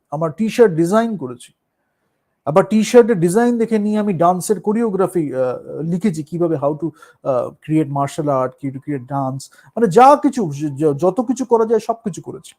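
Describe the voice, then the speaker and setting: Thoughtful Bengali-accented man, mellow voice. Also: sits high, expressive, moderate pace. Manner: thoughtful, mixes Bengali and English, with many fillers. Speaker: musician and performer. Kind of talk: casual talk on art and performance.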